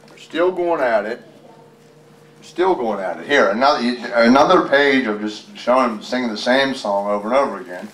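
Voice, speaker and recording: Reading a picture book to a group at a public library, a guest storyteller who also does tribute performances keeps up a folksy patter of rambling ad-libs. His mid-range voice is a bit bright and moves at a normal speed. Captured through a handheld mic, the sound is roomy, echoey, and far off.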